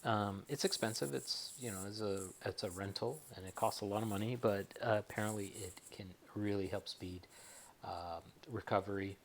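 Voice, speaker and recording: A man's voice: lowish voice, normal speed, slight background noise. A man talking casually and a bit hesitantly in a rambling personal vlog from his bedroom, as a patient giving a recovery update. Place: bedroom at home.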